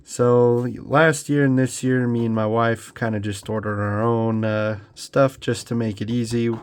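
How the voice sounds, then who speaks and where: A young scale model builder with a congested cold does an unboxing at his home hobby bench, relaxed and rambling with lots of ums and restarts. His voice is medium-pitched, clear and resonant, at a measured pace.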